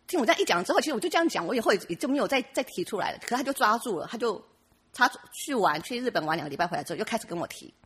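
A woman tells her church testimony in a chatty, rambling way, often restarting and laughing. She talks quickly, and her voice is husky. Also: medium pitch, fairly bright tone. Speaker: church member giving a testimony. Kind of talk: personal testimony.

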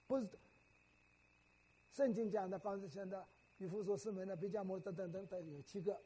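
A man's voice: high-pitched, fairly quick, dark tone, breathy edge. An older man preaching a sermon in a teacherly way, often putting questions to the congregation.

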